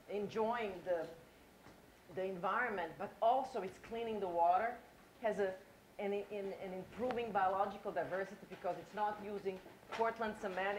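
Addressing a lecture hall at a conference, a middle-aged woman from Croatia speaks in a mid-range voice with a Croatian accent and draws listeners in with questions. There's a bit of background noise.

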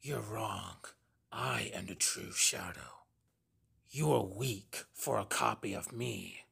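A man voicing a menacing, arrogant android hedgehog with a gravelly, husky voice, delivering grandiose threats like a video game villain. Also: lowish voice, slow pace, fairly bright tone, exaggerated voice. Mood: threatening, contemptuous. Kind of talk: video game character voice demo.

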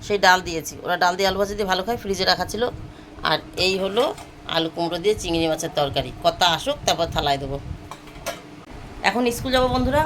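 A woman's voice: medium pitch, noisy background. Chatty woman vlogging her chores. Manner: chatty, addresses viewers as friends while doing chores. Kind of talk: casual daily-life vlog narration. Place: home rooftop garden and kitchen.

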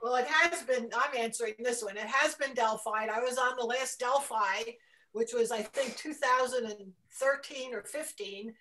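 A woman club member joining a casual video-call discussion, direct and quick to chime in. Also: a little high, pushed and bright, low-quality recording.

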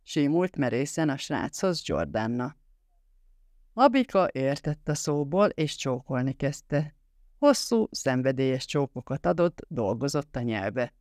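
An audiobook reader giving a measured, even narration of a novel. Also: medium pitch, dry recording, clean studio sound.

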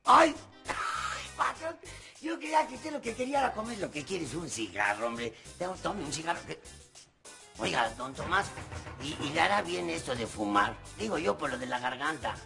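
Talkative servant, high gravelly voice, telenovela scene. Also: male voice, normal speed, faint music behind, exaggerated voice. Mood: chatty. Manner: rambling, animated storytelling. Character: chatty, cheerful male servant. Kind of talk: telenovela acting.

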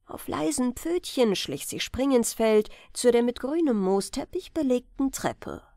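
Slow, gentle woman reading a bedtime story. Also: a little high, expressive, dry recording, clean studio sound. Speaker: audiobook reader.

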